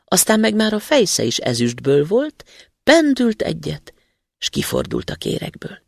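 A man reading a folk tale aloud in an expressive, animated storytelling manner. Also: high voice, vocal fry, dry recording, studio quality.

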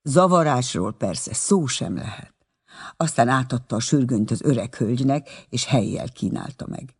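A reader giving measured, expressive audiobook narration of a novel chapter. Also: medium pitch, breathy edge.

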